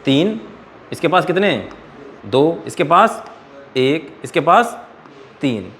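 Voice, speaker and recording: Male chemistry tutor, classroom lecture, slightly raised pitch, quizzing students, quiet background noise. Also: very animated, slow. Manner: quizzes students and answers his own questions; calls students "beta". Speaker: chemistry teacher.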